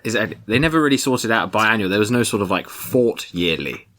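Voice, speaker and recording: Bright-voiced man chatting in an attic. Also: fairly low pitch, animated, brisk. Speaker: podcast host. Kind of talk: casual chat. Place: attic room of a family house.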